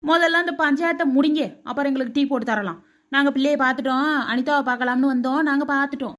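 A woman voicing a nosy cartoon visitor in a brisk, scolding way. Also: high voice, fairly bright tone. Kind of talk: cartoon voice acting.

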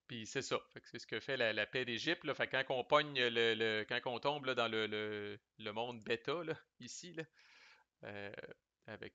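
Bright-voiced Québécois man explaining a board game. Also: medium pitch, no echo, highs cut off. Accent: Québécois French. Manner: chatty, loose, sprinkles English game terms and salty slang. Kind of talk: casual explanatory commentary.

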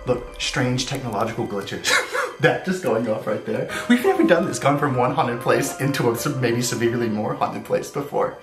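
A man hosting a paranormal investigation vlog in casual, jokey chat, rambling and excitable. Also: mid-range voice, moderate pace. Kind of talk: casual chat with comedic bits. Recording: roomy sound with loud music. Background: loud music.

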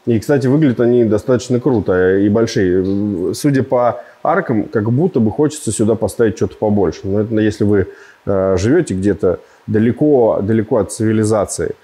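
His voice sits fairly low and he moves briskly as he reviews a car, joking and rambling in a relaxed way. The man, in his thirties, gestures animatedly; a lapel mic captures him in a large indoor showroom.

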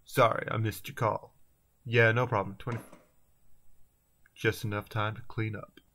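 A man's voice: fairly low pitch, little pitch movement, a little slow, bright, forceful tone. A man voicing a weary male raccoon detective in a video game, with a slight put-on southern drawl and a dry, self-mocking, laid-back manner. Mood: wry.

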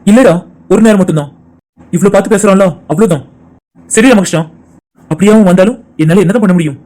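A man's voice: high voice, fast talker, darkish tone, natural voice. A man voicing a heartbroken young lover in a cartoon, sorrowful and subdued. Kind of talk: cartoon voice acting.

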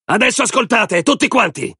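A man's voice: fairly high pitch, big pitch swings, moderate pace, vocal fry, slightly rough, dry recording, clean studio sound, pitched above the performer's own voice, full character voice. A man putting on a barking camp thug. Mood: shouting. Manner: barking, shouting orders. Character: rough loud male camp enforcer, bossy.

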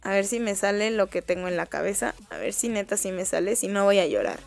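A young woman with a Mexican accent giving excitable live-stream commentary while she plays a game, swearing casually and talking to the characters on screen. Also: mid-range voice, a little fast, vocal fry, faint music behind. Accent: Mexican Spanish. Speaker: gaming streamer.

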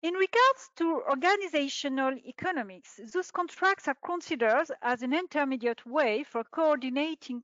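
A middle-aged woman, a researcher, reading a prepared presentation in a measured, formal way over a video call. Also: a little high, dry recording. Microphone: video call webcam. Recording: dull lo-fi webinar audio.

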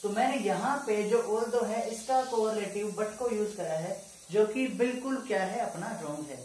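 A male teacher explains grammar at an unhurried pace, dictating each example sentence one word at a time. His voice sits back from the microphone in a strongly echoing room. A faint hum of ambient noise runs underneath. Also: high-pitched, a little mellow, recorded from a distance. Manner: slow and deliberate, dictating example sentences word by word and checking with "ठीक है".

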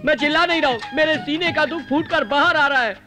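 A glib wisecracking young rogue. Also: male voice, very high-pitched, quick pace, over music. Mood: sarcastic. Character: cheeky young man, comic schemer. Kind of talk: Hindi film dub. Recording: film score behind.

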